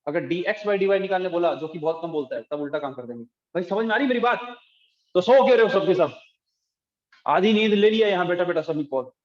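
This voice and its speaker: In this classroom lecture, a math teacher with a high voice explains calculus step by step, sounding animated and moving fairly quickly. He often checks that his students are keeping up. Sound quality is dull and lo-fi, with echo from the room.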